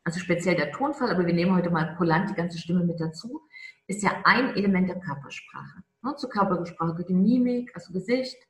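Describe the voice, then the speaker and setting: A woman coaching on charisma in a conversational interview, emphatic and stretching key words slowly. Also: lowish voice, echoey room.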